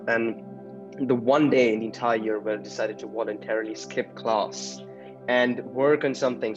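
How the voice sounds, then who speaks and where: A man's voice: mid-range voice, dull audio. A young man from India, a student telling a story casually and joking, often repeating words. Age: young adult. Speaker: university student.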